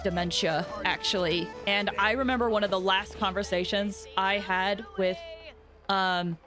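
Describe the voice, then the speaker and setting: A woman livestreamer with a mid-range, steady voice speaks a little slowly, offering casual, chatty, rambling reactions to a video game. Game music plays in the background of her stream commentary.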